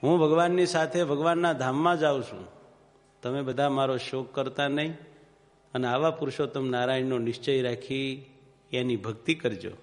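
A man's voice: mid-range voice, fairly even intonation, normal speed, soft background music, natural voice. Earnest pleading village woman, spoken by a Kathiawadi male preacher, long reverb. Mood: solemn. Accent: Kathiawadi Gujarati. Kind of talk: quoted dialogue in a sermon.

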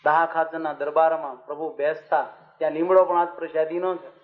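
A man preaching a devotional sermon, telling stories in a lively way and asking his listeners questions. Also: a little high, fairly quick. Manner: animated storytelling with questions to listeners. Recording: dull recording with faint music.

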